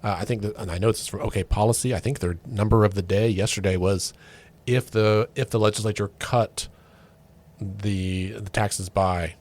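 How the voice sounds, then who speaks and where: A man's voice: on the low side, steady tone, normal speed, a little mellow. A man co-hosting a political podcast, talking casually with lots of fillers and restarts. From Oklahoma. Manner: conversational, many fillers and restarts. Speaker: podcast co-host.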